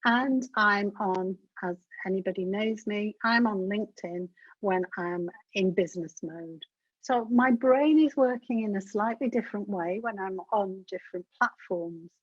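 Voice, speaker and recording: Her voice medium-pitched, husky, and unhurried, a woman leads an instructional business webinar, speaking directly to her audience in a practical, chatty way. There's no echo in the dull, dry webinar sound.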